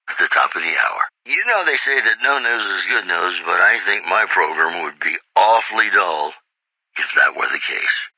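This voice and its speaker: Mister New Vegas, a bright, suave radio host. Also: male voice, on the low side, no echo, full character voice, poor audio. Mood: smooth, playful. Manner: smooth, crooning, flattering showmanship. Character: suave, flirtatious, self-assured male radio host and newsreader. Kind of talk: retro lounge radio DJ patter.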